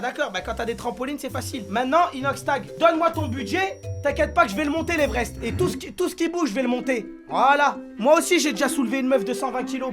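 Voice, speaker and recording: A young man streaming live, bantering crudely and jokingly with his chat in a brash, casual way. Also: extremely high pitch. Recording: music playing behind.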